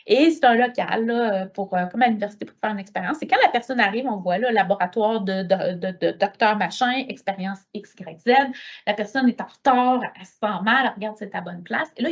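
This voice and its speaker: A woman's voice: mid-range voice, breathy edge, lo-fi sound. Quebec French woman telling lecture stories. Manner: lively storytelling, acting out dialogue. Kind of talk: conference talk.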